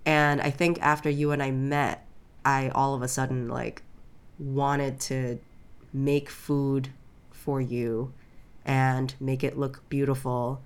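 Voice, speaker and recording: Low-voiced young woman telling stories. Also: slow, clean tone. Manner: animated storytelling, gets loud and high when riled. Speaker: podcast co-host. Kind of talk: casual chat.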